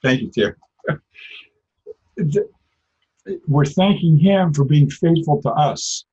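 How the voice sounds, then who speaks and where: Husky-voiced man teaching a religious class. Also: fairly high pitch, animated, slow pace, dark tone. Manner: conversational, tells personal stories. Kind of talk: informal religious lesson. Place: lives in Israel. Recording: dull lo-fi recording.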